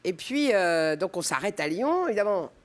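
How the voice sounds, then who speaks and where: A middle-aged woman, a talk-show guest, telling lively anecdotes and acting out the people in them. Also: fairly low pitch, normal speed. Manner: animated storyteller acting out quotes. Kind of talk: casual talk-show chat. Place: TV studio with audience.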